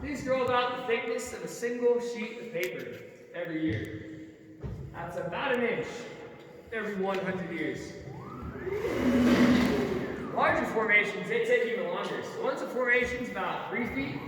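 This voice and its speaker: A man's voice: high voice, expressive, moderate pace, pauses often, background noise. A man working as a cave tour guide, explaining in short projected phrases to visitors inside a cave. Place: inside a large limestone cave. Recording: echoing cave, long reverb, distant mic.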